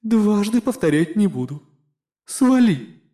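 A man's voice: high-pitched, very animated, slow, mellow, voice pushed up, heavily acted. A man reading a fantasy story aloud and voicing a cold, curt female mithril golem with a grating metallic voice. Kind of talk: audiobook narration.

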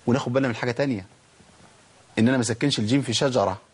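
Fast-talking Egyptian male recitation teacher. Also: medium pitch, slightly rough. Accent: Egyptian Arabic. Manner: asks rhetorical questions and answers them himself; stretches out letters slowly to demonstrate pronunciation. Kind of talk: recorded recitation lesson.

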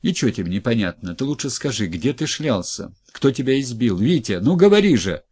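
A man doing a shrill, frantic wife. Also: big pitch swings, fairly quick, darkish tone, slightly rough. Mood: pleading. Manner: screaming, frantic outbursts. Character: distraught middle-aged wife, shrill and furious.

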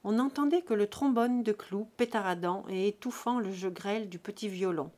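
Here an audiobook narrator, a woman with a mid-range voice, reads aloud from a classic novel. Her delivery is measured yet expressive.

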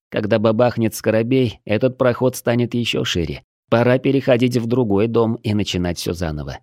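A man reading a first-person adventure audiobook in a measured, steady storytelling manner. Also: fairly low pitch, no room sound, studio quality. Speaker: audiobook narrator.

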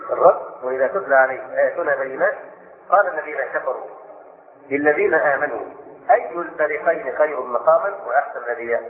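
An older man teaches scripture at a brisk clip, slowing only to recite the verses he quotes. His voice sits in an echoey room and comes through a thin, phone-like line. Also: mid-range voice. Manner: quick explanatory delivery, slows to recite verses. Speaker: Islamic scholar giving Quran commentary. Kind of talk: spoken Quran commentary lesson.

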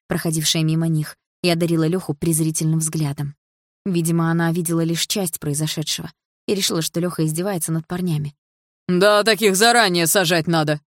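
A woman narrating an audiobook with steady, even storytelling. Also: low voice, no echo, clean studio sound. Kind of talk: scripted narration.

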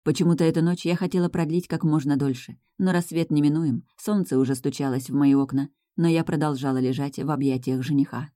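Calm first-person audiobook reader, measured pace, warm mellow tone, close dry studio sound. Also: medium pitch, no room sound. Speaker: audiobook narrator.

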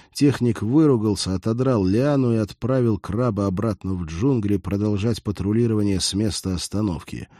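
A man narrating an audiobook in a steady storytelling delivery. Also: fairly low pitch, dry recording, clean studio sound. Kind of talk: scripted narration.

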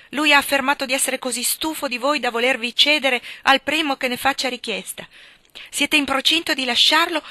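A woman reading the lines of an impassioned young gentleman suitor who pleads insistently, rising to loud outbursts. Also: on the low side, dry recording. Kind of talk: audiobook reading.

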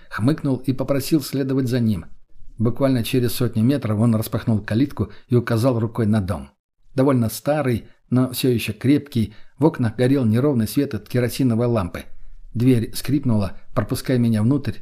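A man narrating a first-person audiobook in a steady, matter-of-fact way. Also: mid-range voice.

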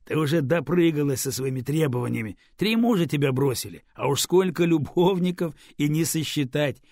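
Man voicing a mocking engineer, teasing tone, lively pitch, gravelly texture. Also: moderate pace, no echo, clean studio sound.

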